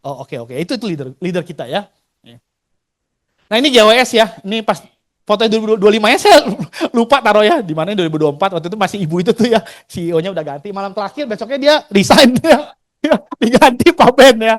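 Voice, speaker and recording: Lively high-voiced man telling stories. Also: quick pace. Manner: chatty, slangy, acts out quoted dialogue, laughs often. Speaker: insurance agent sharing his career story. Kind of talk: motivational storytelling talk.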